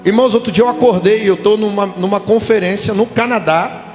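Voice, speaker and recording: A man's voice: sits high, a little fast. A man from Brazil, a pastor preaching a sermon at a conference, telling stories and acting out quoted voices. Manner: animated storytelling with voiced quotes. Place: church conference hall. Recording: reverberant hall with music behind.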